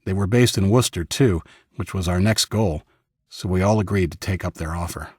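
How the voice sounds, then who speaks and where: A man narrating a first-person audiobook in a steady, measured way. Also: low voice, slightly rough, no room sound, clean studio sound.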